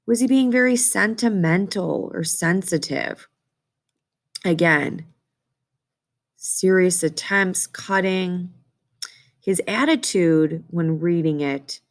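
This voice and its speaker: A woman teacher giving an instructional reading lesson to children, explaining step by step and often checking that they follow. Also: fairly low pitch. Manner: checks understanding often with okay and questions.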